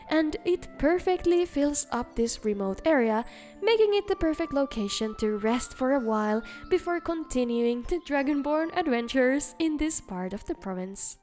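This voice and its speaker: A woman narrates a video game showcase in a high-pitched voice. She reads from a script as the host, with soft music playing faintly underneath. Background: faint background music.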